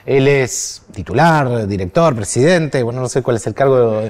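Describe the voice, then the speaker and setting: A man's voice: medium pitch, lively intonation, moderate pace, a little mellow. A male interviewer with an ordinary mid-range voice leads the conversation. He asks his questions casually, leaning on fillers and hedges.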